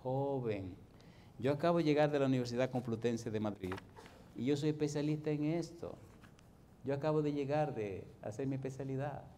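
A man's voice: medium pitch, normal speed, mellow, slight background noise, lightly acted. A man voicing a self-assured male medical specialist, quoted within a sermon. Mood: boastful. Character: proud male medical specialist, sure of himself.

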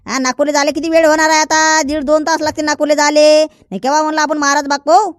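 A woman voicing an eager young village errand boy in a comedy skit, pleading and hurried. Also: sits high, little pitch movement, no room sound, clean studio sound, natural voice. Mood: urging.

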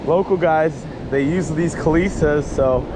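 Slow-talking man on a windy beach. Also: fairly high pitch. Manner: unhurried, musing aloud. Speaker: fishing vlogger. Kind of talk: casual vlog narration. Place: ocean beach, wading in cold surf. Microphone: action camera held or worn. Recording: loud surf and wind noise.

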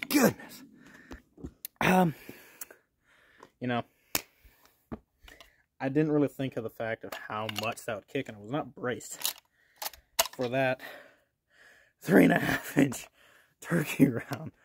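A man's voice: medium pitch, measured pace, gravelly, pauses often, a little hiss or hum. A young man hosting a casual outdoor vlog, talking plainly and folksily to viewers while he works. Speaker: outdoors channel host. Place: outdoors at a shooting range.

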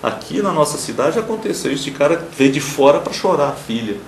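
A man's voice: a little high, animated, fairly quick, a little hiss or hum. Man, Brazilian accent, pastor, TV sermon, emphatic, roomy echo, faint ambience behind. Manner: emphatic preaching, swinging between loud declarations and soft murmurs; acts out quoted people in raised voices. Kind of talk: televised sermon.

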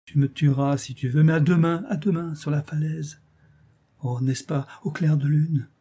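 Male reader doing a lovesick young peasant girl for a storybook, impassioned pleading, raised pitch, husky edge. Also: fairly even intonation, moderate pace, dark tone. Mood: desperate pleading.

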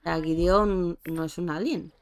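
A woman's voice: lowish voice, steady tone, measured pace. Woman, casual gameplay commentary, chatty, talks to characters. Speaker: gameplay streamer. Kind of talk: casual let's-play commentary.

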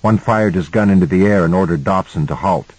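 A male audiobook narrator telling a first-person story in a measured way. His voice sits very low with a husky edge. The recording is close and dry. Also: a little mellow, dry recording, rough recording.

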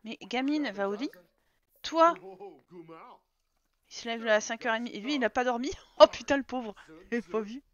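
A woman streamer giving casual let's-play commentary, chatty and quick to scold her game characters. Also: fairly high pitch, lo-fi sound.

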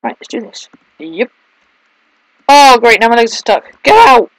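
A woman doing excitable, casual let's play commentary, mixing drawn-out exclamations with quieter asides. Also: fairly high pitch, dry recording, low-quality recording. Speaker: gaming video host.

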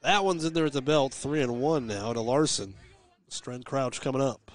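A man calling live high school baseball on the radio from a ballpark press box, giving steady pitch-by-pitch calls with chatty, folksy asides. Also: moderate pace. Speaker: play-by-play radio announcer. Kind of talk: live radio sports commentary.

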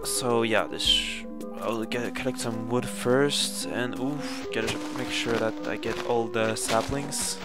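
A young man from Sweden with a Swedish accent, narrating a casual game playthrough with many fillers and self-corrections. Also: on the low side. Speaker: gaming channel host. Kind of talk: casual Let's Play commentary. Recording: game music playing behind.

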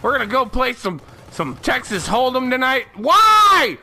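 A man giving profane, excitable gameplay commentary, shouting at the game and laughing often. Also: very high-pitched, moderate pace, a little hiss or hum. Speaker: gaming channel host.

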